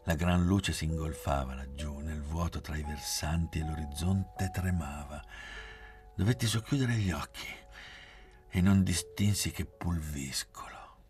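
A man reading a literary novel aloud in a measured, expressive way. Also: a bass voice, soft background music. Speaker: reader.

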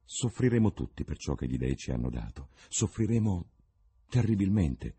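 A man's voice: low-pitched, sing-song, moderate pace, warm tone, husky, exaggerated voice. A man voicing an earnest, secretive young painter in a read-aloud novel.

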